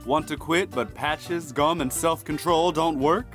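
A man playing a brash, slick street hustler pitching loose cigarettes in a comedy sketch. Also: unhurried, fairly bright tone, faint music behind. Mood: slick, persuasive. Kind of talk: comedy sketch acting with sales patter.

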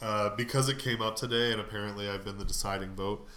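Man, low bright voice, easygoing podcast co-host telling casual anecdotes. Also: fairly even intonation, quick pace. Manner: easygoing, agreeable, tells anecdotes. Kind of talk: casual chat.

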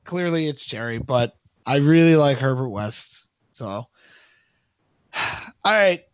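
A man's voice: medium pitch, expressive, slow, clear, resonant tone, dry recording. A man co-hosting a casual podcast over a remote call that keeps cutting out, joking and swearing freely. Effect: dropping, muffled remote call audio. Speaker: podcast co-host. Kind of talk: casual chat. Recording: muffled dry call audio.

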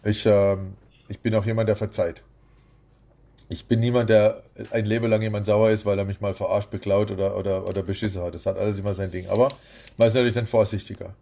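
A man's voice: on the low side, little pitch movement, quick pace, gravelly, mellow. A man who is a boxing promoter, talking bluntly and rambling as the guest in an interview. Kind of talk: casual interview.

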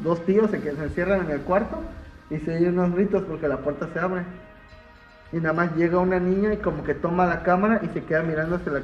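A young Mexican man tells horror stories in a loose, slangy, animated way. His voice sits a bit high. The recording sounds roomy and dull, with faint music behind. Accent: Mexican Spanish. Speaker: podcast guest. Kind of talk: casual chat.

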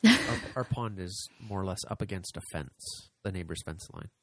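Man co-host, casual podcast banter. Husky, dry wit, close dry recording. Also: low voice, animated, moderate pace, a bit bright, no room sound. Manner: dry, teasing asides. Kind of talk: casual chat.

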